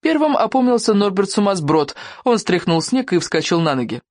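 An audiobook narrator giving a lively, expressive reading of a children's adventure story. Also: mid-range voice, normal speed, dry recording, studio quality.

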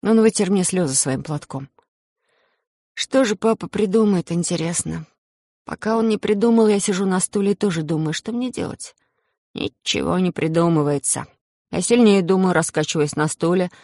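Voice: normal speed, darkish tone, no room sound. Storybook reader, dry close sound, plays all the characters with little voice shifts. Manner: acts out the characters' lines with shifts in pitch and pace. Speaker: narrator. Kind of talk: storybook reading.

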